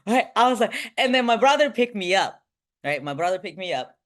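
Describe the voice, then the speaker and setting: Speaking a little fast, a motivational speaker and team trainer from Bulgaria energetically addresses a group on a video call. She finishes nearly each point with "right?" while her pitch swings high and low.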